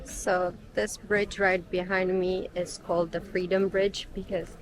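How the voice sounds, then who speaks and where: A woman's voice: fairly low pitch, level tone, unhurried. A young woman talking casually on a travel vlog, explaining things to the camera with frequent ums while on an outdoor guided tour in cold weather. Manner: chatty, explanatory, with frequent um fillers. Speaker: travel vlogger.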